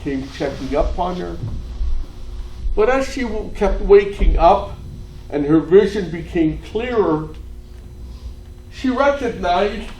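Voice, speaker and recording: A man, a priest, telling a story in a retreat sermon, dropping to a hush and rising to shouts. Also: sits high, animated, slow, long pauses. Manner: dramatic storytelling, swings from hushed to shouting. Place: cathedral. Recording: echoey church hall, faint room noise.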